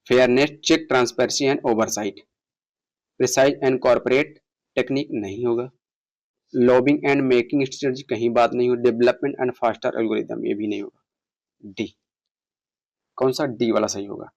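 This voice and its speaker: A man teaching an online exam-prep lesson, reading passage lines slowly and explaining them, asking his students questions. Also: mid-range voice, fairly even intonation, darkish tone, lo-fi sound. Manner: reads English passages slowly, explains in Hindi, quizzes viewers. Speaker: English exam tutor.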